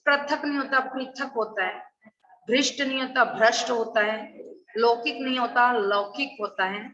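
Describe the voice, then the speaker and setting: A middle-aged woman who teaches Hindi at school runs an online class in a fairly high, pushed, bright voice. She drills correct spellings by setting wrong forms against right ones, posing questions and answering them herself. The audio is echoey, distant and dull, typical of an online class.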